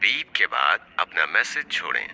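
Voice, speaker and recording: Deep-voiced answering machine greeting, noisy far-off phone sound, swoopy pitch. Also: male voice, moderate pace, creaky, heavily acted. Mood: formal. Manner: flat, formal recorded announcement. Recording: noisy, distant phone recording.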